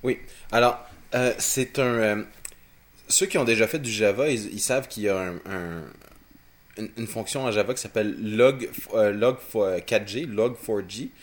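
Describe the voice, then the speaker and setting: A man with a Quebec French accent and a somewhat low voice. He gives casual technical explanations as a co-host, in a halting way, often doubling back on his words. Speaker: podcast co-host.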